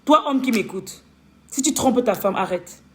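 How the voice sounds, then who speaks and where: High-voiced woman scolding on a livestream. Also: expressive, normal speed, fairly bright tone. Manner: scolding, with rhetorical questions and stammered repeats. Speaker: relationship coach. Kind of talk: impassioned live-stream rant.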